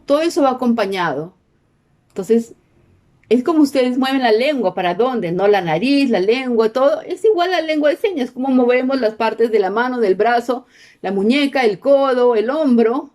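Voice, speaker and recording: Woman teaching a class, lots of little questions to the class, bouncy voice that sits a bit high. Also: expressive, moderate pace, mellow. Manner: peppers sentences with questions to the class. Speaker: sign language teacher. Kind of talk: explanatory class talk.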